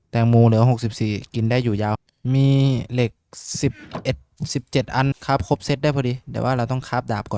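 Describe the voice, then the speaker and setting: A young man giving casual, rough-spoken commentary while playing a game, swearing a lot and yelping when startled. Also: mid-range voice. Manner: swears freely, shouts in sudden panic. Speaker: gaming streamer. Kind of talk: casual Minecraft let's-play commentary.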